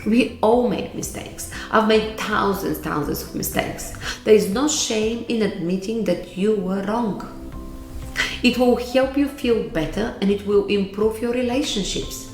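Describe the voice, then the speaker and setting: A woman's voice: mid-range voice, gravelly, darkish tone, roomy sound. A middle-aged woman from Bulgaria with a Bulgarian accent, giving earnest, emphatic motivational advice to camera and repeating key words. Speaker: vlogger giving life advice.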